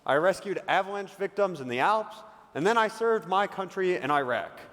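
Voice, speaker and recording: A man voicing a calm, boastful male talking dog in a joke, in a reverberant hall. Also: sits high, moderate pace. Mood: proud.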